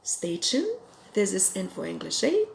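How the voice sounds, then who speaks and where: At her home in Ireland, a Filipino woman whose first language is Cebuano teaches English expressions, explaining slowly and carefully with quoted example phrases. Her mid-range voice swoops wildly in pitch and has vocal fry, with slight background noise.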